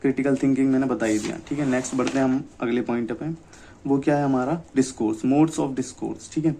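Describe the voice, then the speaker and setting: A young man giving an exam-prep lecture, often asking himself questions and checking "okay?", reading English definitions slowly. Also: mid-range voice, steady tone, mellow, a little hiss or hum. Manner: repeats "ठीक है" and rhetorical questions. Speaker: teacher.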